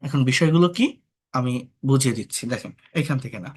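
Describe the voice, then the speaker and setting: A man's voice: mid-range voice, quick pace, breathy edge. A man from Bangladesh teaching an online English class, explaining patiently, asking the class rhetorical questions and mixing English words into his talk. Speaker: English tutor.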